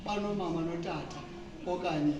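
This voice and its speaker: A woman's voice: on the low side, brisk. Echoey, distant woman with a Xhosa accent. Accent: Xhosa South African. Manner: explanatory, punctuated by check-in questions. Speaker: speaker leading a talk. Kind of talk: informal teaching talk, code-switching with English. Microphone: distant from the speaker. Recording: very echoey room, distant mic, noisy.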